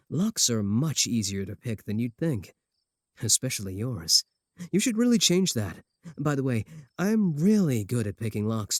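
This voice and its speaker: In a comedic ASMR roleplay, a man with a medium-pitched voice and no echo plays a werewolf in love who is cocky, obsessive, and easily offended. His mood is boastful wooing as he brags earnestly and throws dry, sarcastic jabs.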